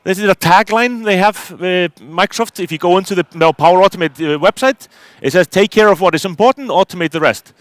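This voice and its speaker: A man's voice: high voice, fairly quick, hardly any pauses, no echo. A middle-aged man from Iceland, giving a technical conference talk from a stage, hesitant with many fillers and restarts. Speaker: conference speaker.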